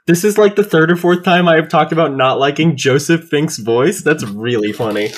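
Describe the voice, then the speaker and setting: A man's voice: fairly high pitch, moderate pace, husky. Playful podcast co-host man. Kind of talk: casual chat.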